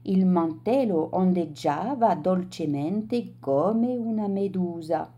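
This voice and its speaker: A woman reading a children's story aloud in a slow, deliberate storytelling manner. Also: fairly low pitch, expressive, dark tone, husky, dull audio.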